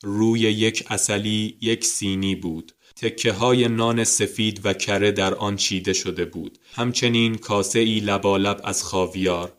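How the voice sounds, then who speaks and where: Low, flat-voiced male storyteller. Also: few pauses, clean tone. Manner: calm, steady storytelling. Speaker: audiobook narrator. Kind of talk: scripted narration.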